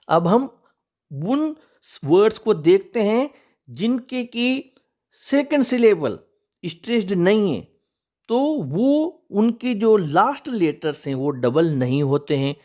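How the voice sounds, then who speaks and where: A man's voice: on the high side, darkish tone. A man teaching English spelling rules, patiently walking through one example after another and calling his viewers friends.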